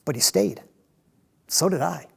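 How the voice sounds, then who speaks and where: Guy doing a fiery zealot disciple monologue, raspy and creaky, halting but emphatic storytelling. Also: fairly high pitch, expressive, a bit bright, heavily acted. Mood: earnest, fervent. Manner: halting, emphatic delivery with repeated words and swells. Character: passionate male zealot disciple, restless man of action, recalling Jesus. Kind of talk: dramatic monologue, first-person storytelling.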